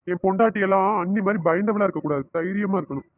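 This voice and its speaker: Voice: medium pitch, fast, natural voice. A performer voicing a teasing, cajoling idle young man in a cartoon. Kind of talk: cartoon voice acting.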